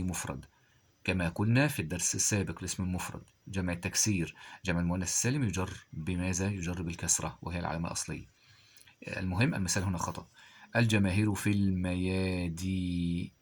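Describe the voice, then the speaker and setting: A man teaching a grammar lesson. He reads example sentences slowly, then asks quiz questions and answers them himself. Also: sits low, breathy edge.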